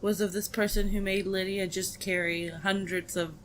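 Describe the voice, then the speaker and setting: A woman's voice: medium pitch, flat delivery, normal speed, slight background noise. A woman co-hosting a podcast in casual chat, telling anecdotes and teasing her co-host with dry humor.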